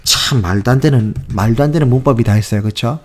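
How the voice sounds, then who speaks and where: A man with a mid-range, darkish voice talks fast while teaching English grammar in casual spoken Korean. He sounds passionate and exasperated, mixing English phrases into the lesson.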